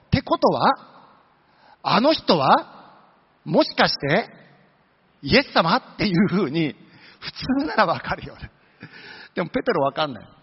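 A man's voice: fairly high pitch, husky. A man preaching a sermon, telling the story with humorous asides. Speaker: pastor. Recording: dull lo-fi sound with long hall reverb.

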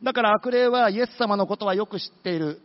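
A man delivers a sermon in a high voice, telling it like a story and briefly voicing the characters as he goes. The recording is dull and muffled, with a long reverb trailing through a church hall. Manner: storytelling, acting out demons with quick asides. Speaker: pastor.

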